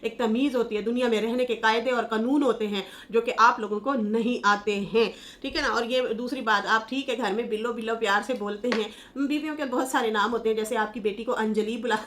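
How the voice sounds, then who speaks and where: A woman's voice: a little high, fairly even intonation, fairly quick, hardly any pauses, fairly bright tone. Chatty, scolding woman commentator. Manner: chatty, scolding, laughs while mocking. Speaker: YouTube commentator. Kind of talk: casual commentary reading viewer comments.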